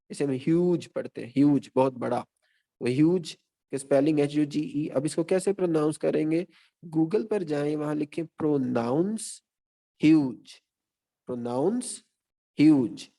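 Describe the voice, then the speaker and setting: A man giving an online teaching session as a guest lecturer, speaking in a measured, explanatory way and recapping his points one by one. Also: fairly high pitch, creaky, warm tone.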